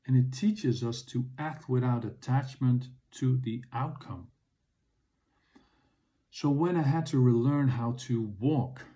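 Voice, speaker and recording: Slow, mellow-voiced man reflecting. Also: medium pitch. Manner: calm, earnest, unhurried reflection. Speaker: podcast host. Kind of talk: reflective personal monologue.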